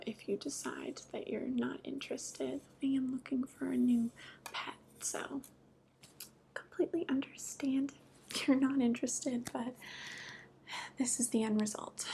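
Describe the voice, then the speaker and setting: A woman voicing a flirty, teasing female devil in a soft, breathy whispered role-play, with a casual, coy manner. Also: high-pitched.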